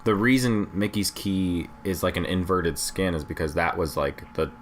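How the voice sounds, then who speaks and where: A young man with a low voice chats casually at a moderate pace while reviewing a video game trailer. Steady room noise sits in the background.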